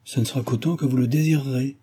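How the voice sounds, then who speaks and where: A stern, grave older advisor from a classic novel, issuing warnings, as a male reader brings him to life. His voice is dark and mellow with a husky edge. This is audiobook storytelling with measured authority. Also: mid-range voice, fairly even intonation, close to an everyday voice. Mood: admonishing. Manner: grave, admonishing.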